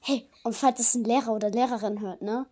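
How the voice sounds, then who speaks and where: Teenage girl, podcast host, fairly high voice, giggly, rambling casual chat. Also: steady tone, brisk, a little hiss or hum. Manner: giggly, jumps between loud jokes and murmured asides.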